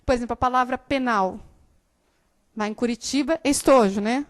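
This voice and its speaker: High-voiced teacher woman from São Paulo. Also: normal speed. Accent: São Paulo Portuguese, softened by years in southern Brazil. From São Paulo state, Brazil. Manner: explanatory, checks understanding often. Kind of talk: live classroom lecture.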